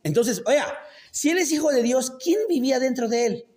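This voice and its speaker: A man's voice: extremely high pitch, animated, fairly quick, darkish tone. A man preaching a casual sermon. He keeps quizzing the congregation with rhetorical questions and makes joking asides. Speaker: pastor. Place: church.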